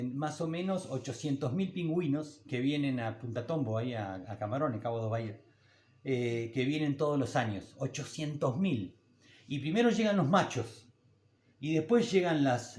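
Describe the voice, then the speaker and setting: A man's voice: medium pitch, lively intonation, normal speed, darkish tone, roomy sound. An older man with an Argentine Spanish accent, preaching a sermon as a pastor in a conversational, folksy way with homely anecdotes.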